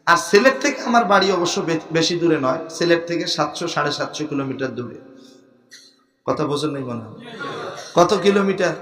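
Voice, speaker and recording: A man from Bangladesh, preaching a sermon at an outdoor gathering under a large tent. He swings from quiet coaxing to shouted calls for the crowd to respond. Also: on the high side, expressive, fairly quick, reverberant, big-room sound, faint music behind. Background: crowd of listeners.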